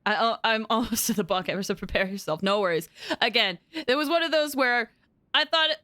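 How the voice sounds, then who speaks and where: A young adult woman giving casual, giggly, excitable live reactions as she streams a game. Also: on the high side, brisk, no echo, clean studio sound.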